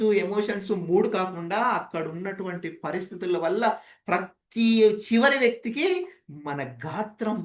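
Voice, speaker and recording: A woman teaching voice modulation in an online session, demonstrating loud, soft, fast and slow speech and asking the audience questions. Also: medium pitch, reverberant. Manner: demonstrative, shifts volume and pace on purpose to illustrate points; asks the audience rhetorical questions. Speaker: voice modulation trainer. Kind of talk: online training session lecture.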